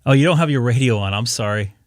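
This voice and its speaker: A man's voice: medium pitch, fast talker, no echo, clean studio sound. A man who is tired and hungover with a headache, chatting casually and apologetically as he runs a live-streamed ham radio session.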